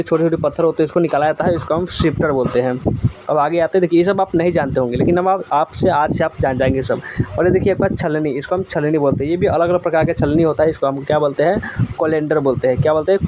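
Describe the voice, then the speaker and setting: A man's voice: on the high side, background noise. A man teaching household vocabulary, naming each item and repeating the word back as a question. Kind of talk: vocabulary lesson.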